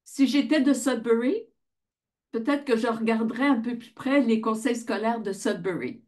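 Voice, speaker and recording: This presenter, founder of a volunteer reading association from the Ottawa region of Canada, explains things informally, questioning and answering herself in a conversational way. She speaks at a moderate pace in a fairly high, slightly mellow voice.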